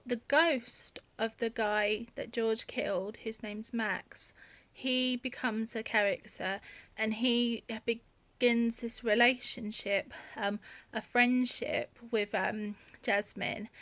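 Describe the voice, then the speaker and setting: A woman's voice: a little high, fairly even intonation, slow, fairly bright tone. A woman author hosting her own channel, talking casually with many ums and restarts. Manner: hesitant, many fillers and restarts. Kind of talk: casual vlog talk.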